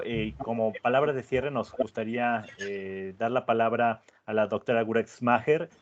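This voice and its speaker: Hesitant male moderator, dull lo-fi sound. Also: mid-range voice. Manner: hesitant, with many filled pauses. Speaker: webinar moderator. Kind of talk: polite, semi-formal moderating. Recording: dull lo-fi online audio.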